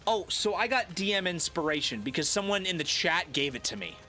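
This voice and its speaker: High, lively male game master. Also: slight background noise. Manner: halting, repeats words. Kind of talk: casual tabletop game narration on a group stream.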